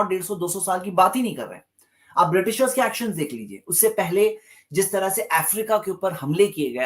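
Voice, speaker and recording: A man's voice: high-pitched, fairly bright tone. A man giving a religious lecture, emphatic and repeating key phrases for stress, with English terms mixed into his speech. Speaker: Islamic lecturer.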